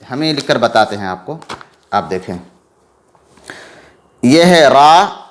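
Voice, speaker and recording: A man teaching letter reading in a patient lesson, repeating letter names slowly and drawn out. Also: medium pitch, big pitch swings. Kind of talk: slow explanatory lesson.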